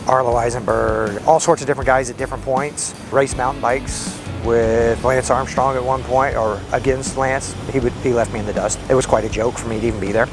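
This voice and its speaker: A man in a casual interview, enthusiastically listing his adventures. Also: medium pitch. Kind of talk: casual chat.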